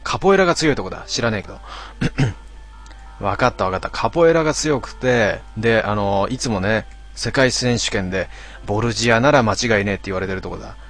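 A man hosting a casual late-night stream, reading out listener comments with grumbling asides and frequent throat clearing. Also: fairly low pitch, fairly quick, fairly bright tone, soft background music. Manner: grumbling, talks to himself, mock-annoyed asides.

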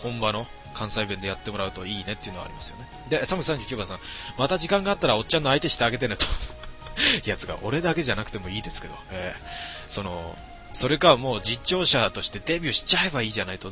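A man's voice: on the low side, bright, forceful tone. A middle-aged man streaming late at night, reading viewer comments aloud in a casual, mumbling way with many fillers.

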